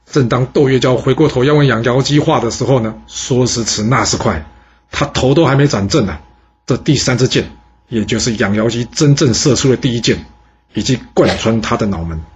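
Husky man telling a history story, lively narration, dull lo-fi sound. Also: medium pitch, brisk. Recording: dull lo-fi recording.

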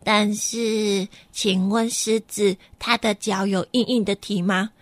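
A woman reading a picture book aloud to children, animated and asking them questions. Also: mid-range voice, slow pace, dry recording. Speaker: storyteller.

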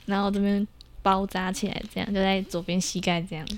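A woman from Taiwan, co-hosting a podcast and telling childhood stories in a lively way, acting out the voices of the people in them and often laughing. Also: mid-range voice, fast talker, a little hiss or hum. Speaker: podcast co-host. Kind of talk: casual chat, storytelling.

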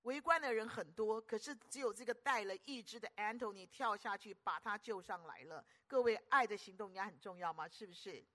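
An older woman preacher, giving an animated, teasing sermon full of rhetorical questions. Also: medium pitch, a little fast, few pauses.

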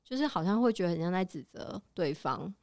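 A woman's voice: lowish voice, lively intonation, a little fast, a little mellow, dry recording, clean studio sound. A woman counselor, talking earnestly about her own experience in a casual chat. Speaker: guest counselor.

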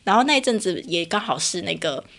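A Taiwanese-accented woman co-hosts a relaxed podcast. She tells stories quickly and expressively. Her voice jumps up in pitch as she relives her frustrations. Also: creaky. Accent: Taiwanese Mandarin. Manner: animated storyteller, voice rises sharply when reliving frustration. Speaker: podcast co-host. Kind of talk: casual storytelling chat.

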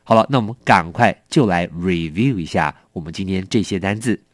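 A middle-aged man teaching English vocabulary. He reads each word slowly and carefully, then speeds up when he adds warnings and asides. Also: low voice, no echo, clean studio sound. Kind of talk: explaining a word list.

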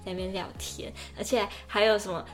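A young adult woman with a Taiwanese Mandarin accent co-hosts a casual podcast, sharing personal anecdotes with faint music behind her. Her mid-range voice runs a little fast as she tells stories animatedly, acting out quotes and her own inner thoughts.

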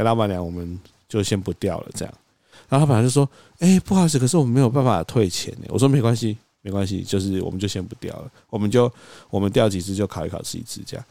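A man, co-hosting a podcast, telling a story in an animated way and acting out quoted lines. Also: low-pitched, gravelly, dry recording. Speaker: podcast co-host. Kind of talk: casual storytelling chat.

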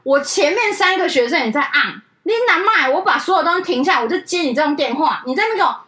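A woman in her thirties with a high voice tells a story on a casual podcast. She is animated and acts out both sides of a phone call. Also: fast. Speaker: podcast co-host.

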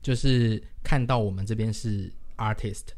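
A man's voice: fairly low pitch, moderate pace. Taiwanese man, eager podcast co-host. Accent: Taiwanese Mandarin. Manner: enthusiastic, reacts with loud exclamations. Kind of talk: casual chat.

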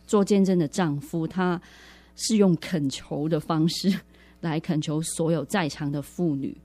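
A woman recounts her testimony to an interviewer, earnest and reflective, restarting phrases as she goes. Her voice sits low and sounds warm and mellow. Faint music plays underneath. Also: fairly even intonation, unhurried. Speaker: interview guest sharing a testimony. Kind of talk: personal faith testimony in a radio interview.

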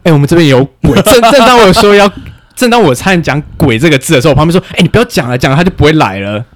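A man with a Taiwanese Mandarin accent, telling a story in casual podcast chat, excitable and restarting his sentences. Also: fairly high pitch, rapid-fire, dry recording. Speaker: podcast co-host.

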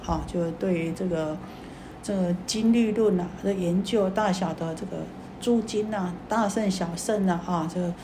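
A woman giving a Buddhist sermon, telling a story in a rambling way with many fillers and drawn-out sentence endings. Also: mid-range voice, mellow, slight background noise. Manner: repetitive, filler-heavy, drawn-out particles. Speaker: Buddhist dharma teacher.

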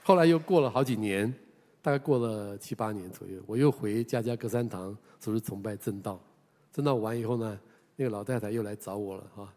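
A man's voice: fairly low pitch, a little fast, a faint crowd. Older man, pastor, Taiwanese Mandarin accent, storytelling sermon, hesitant fillers, long hall reverb. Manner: warm conversational telling, trailing 啊 particles, hesitant fillers.

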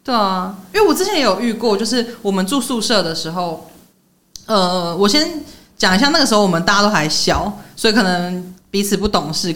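A young woman, co-hosting a podcast and telling stories in a lively way, laughing often. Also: mid-range voice. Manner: animated storyteller, laughs often. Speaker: podcast co-host. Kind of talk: casual chat.

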